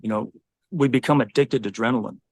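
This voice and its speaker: A man's voice: mid-range voice, fast, breathy edge, no echo. A man in his forties, a Navy SEAL, talking earnestly and reflectively in a podcast conversation.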